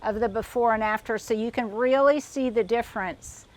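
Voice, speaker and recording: A woman's voice: on the high side, moderate pace, no room sound. An older woman giving a casual tour of her backyard garden, chatty and a little out of breath, with frequent restarts as she talks outdoors. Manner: chatty, digressive, restarts often. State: slightly out of breath. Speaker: garden vlogger.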